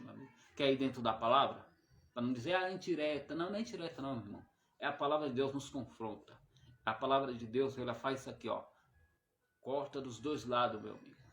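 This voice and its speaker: A man with a Brazilian Portuguese accent preaching a fiery sermon as an evangelist. He talks emphatically, rising loud on key words and then dropping soft on the little "my brother" tags. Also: medium pitch. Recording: roomy echoey sound.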